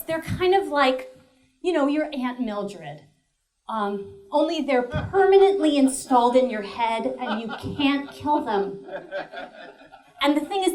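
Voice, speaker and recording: A woman performing a one-woman stage show, chatty and self-mocking, talking straight to the audience. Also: high voice. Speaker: comedic performer.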